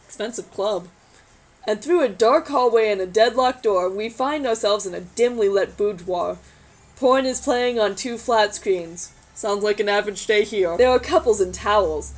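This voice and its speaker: A woman's voice: medium pitch, normal speed, poor audio. A woman reading a magazine story aloud in a casual group chat, adding wry, sarcastic asides.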